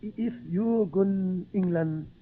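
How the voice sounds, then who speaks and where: A man voices a meek, loyal island servant in a vintage radio play, using plain broken English that leaves out words, and sounding gentle and hopeful. His voice sits high and moves a little slowly. The sound is thin and narrow-band, typical of an old radio recording.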